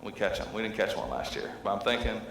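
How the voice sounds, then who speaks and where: A man's voice: lowish voice, sing-song, quick pace, gravelly, fairly bright tone. A man in his thirties, a school counselor, speaking to an audience of teachers, telling stories and asking the audience questions. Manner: storytelling, asks the audience questions. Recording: echoey hall with long reverb.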